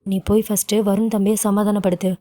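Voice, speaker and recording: A woman's voice: medium pitch, flat delivery, fast talker, dark tone, close to an everyday voice. A woman voicing a caring older woman who speaks in a soothing, reassuring way.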